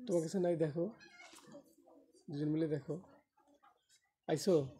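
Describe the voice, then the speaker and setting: A man's voice: a little high, fairly even intonation, a little slow, mellow, a little hiss or hum. A man teaching English grammar in a classroom, quizzing his students and scolding them when they lose focus.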